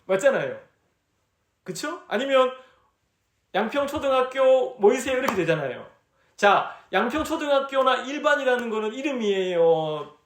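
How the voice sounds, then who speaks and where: A man's voice: very high voice, sing-song, normal speed, fairly bright tone, roomy sound. A man preaching at a church retreat in a conversational way, asking the audience questions and acting out his own dialogue as he tells stories. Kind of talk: sermon.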